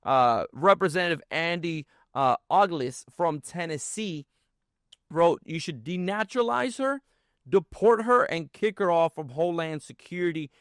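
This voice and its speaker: A man hosting a political talk show, speaking in a measured, hedging way. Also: a little high, expressive, fairly bright tone, smooth, no room sound, studio quality. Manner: measured, hedging with fillers and restarts. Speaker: show host.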